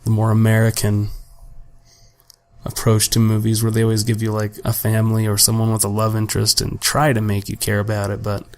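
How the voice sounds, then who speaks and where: Slightly raspy after a long day of talking, a young man hosts a solo podcast at home, rambling casually and profanely about his week with plenty of self-deprecation. His lowish voice is brisk and completely flat. He records on a home desk mic with no pop filter.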